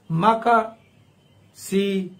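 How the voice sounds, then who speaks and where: A man's voice: high-pitched, extremely slow, fairly bright tone. A male pastor, preaching a sermon in an emphatic style, acting out quoted voices and repeating phrases.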